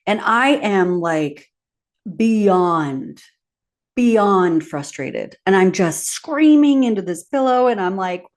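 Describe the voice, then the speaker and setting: Animated woman telling a personal story. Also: medium pitch, takes it slowly. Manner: animated, laughing storyteller who acts out her own quotes. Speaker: podcast host.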